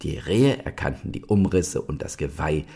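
Gravelly, husky-voiced male storyteller. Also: rumbling low, expressive, moderate pace, mellow. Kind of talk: storybook reading.

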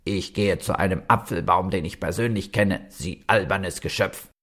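Casting: a man playing an angry frog, low croaky grumble, storybook figure. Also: moderate pace, a bit bright. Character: cross, cheeky male frog.

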